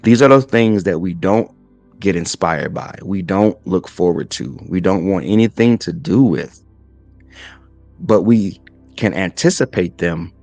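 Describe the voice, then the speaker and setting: Man, forties, low voice, motivational faith talk, podcast host, keeps asking "right?", dry sound, faint music behind. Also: a little mellow, no room sound. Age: 40s. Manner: repeats "right?" and stacks lists in threes.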